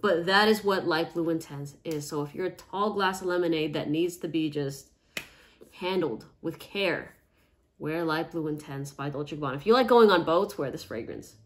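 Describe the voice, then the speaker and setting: Woman, lowish voice, casual and emphatic perfume reviewer talking straight to camera. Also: normal speed. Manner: chatty and emphatic, often tags "okay?". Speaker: fragrance reviewer. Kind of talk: casual product review vlog.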